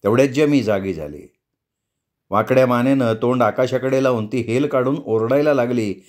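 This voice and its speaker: A man's voice: mid-range voice, normal speed, a little mellow. Male storyteller reading a novel. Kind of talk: audiobook novel narration.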